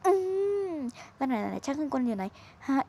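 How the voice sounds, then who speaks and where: Woman gaming streamer, high voice, chatty and teasing, lots of exclaiming, desk mic. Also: fairly quick, vocal fry, dark tone. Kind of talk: casual game commentary.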